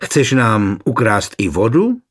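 A man voicing a proud young townswoman with a cold, teasing, sharp-tongued way of talking, in a husky voice. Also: fairly low pitch, big pitch swings.

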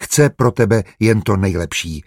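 A man voicing a gentle young woman speaking reassuringly in a storybook reading. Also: fairly low pitch, lively intonation, slightly rough, no echo, clean studio sound.

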